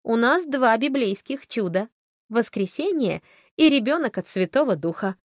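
A woman reading an audiobook, voicing a kind, cheerful woman who teases brightly. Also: fairly high pitch, lively intonation, normal speed, no room sound, clean studio sound, pitched above the performer's own voice. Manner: cheerful, teasing.

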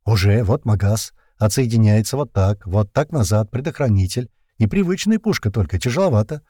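Casting: man reading a matter-of-fact young inmate, low dark voice, dry sound. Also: lively intonation, brisk, no echo. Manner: matter-of-fact, explaining step by step. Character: practical young male prisoner handling a gun.

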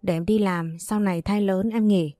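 A woman voicing a polite, gentle young pregnant wife in a read-aloud storybook. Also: mid-range voice, fairly even intonation, moderate pace, no room sound, clean studio sound, soft background music, close to an everyday voice. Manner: polite, soft-spoken.

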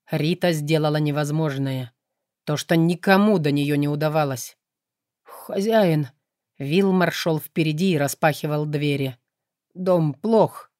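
A woman narrating a fantasy audiobook in the first person. Her voice sits a little low and her delivery is emotional and dramatic. The recording is dry and close. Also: a little mellow, no echo.

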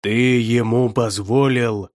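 A man voicing a bossy, hot-tempered male fox demon in an audiobook, gruff and growling. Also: mid-range voice, animated, takes it slowly, no room sound, clean studio sound. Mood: furious.

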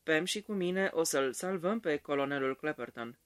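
A man voicing an excitable eighteen-year-old girl. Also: on the high side, clean tone. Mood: excited. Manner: excited, giggling.

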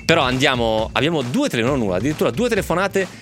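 A man's voice: mid-range voice, big pitch swings, very fast, fairly bright tone, faint music behind. A man hosting a casual, improvised live radio show, bantering with listeners in digressive, self-mocking asides. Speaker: radio host taking listener calls and reading messages.

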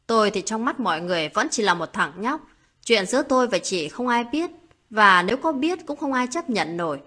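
A woman narrating a late-night story as a storyteller, in a calm, steady reading voice. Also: mid-range voice, slightly rough.

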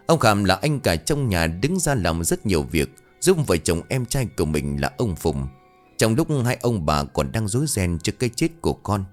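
Brief: male ghost-story narrator, low pitch, lively intonation. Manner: dramatic, measured. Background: faint music.

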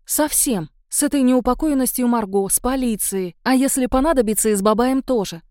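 A determined young woman, voiced by a woman narrator speaks firm and direct, without fuss. Her tone is mellow and warm. It is a dry, close audiobook recording. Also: fairly high pitch, fairly quick, dry recording, pitched above the performer's own voice, natural voice.

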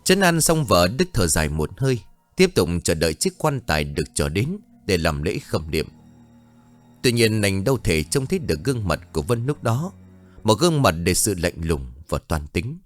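Low-voiced male horror storyteller. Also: sing-song, moderate pace, faint music behind. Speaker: story narrator. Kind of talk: scripted horror story narration.

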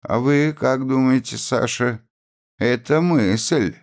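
A sly, lively woman, as a male reader puts her on, teasing and questioning with playful curiosity. Her voice rides high above the reader's deep tone, in a storybook reading. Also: very slow.

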